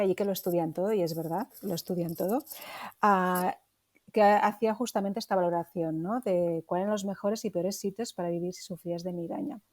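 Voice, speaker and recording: A woman's voice: medium pitch, darkish tone. A woman from Barcelona co-hosting a casual podcast, thoughtful and hesitant, often rephrasing mid-sentence. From Barcelona, Spain. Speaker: podcast co-host.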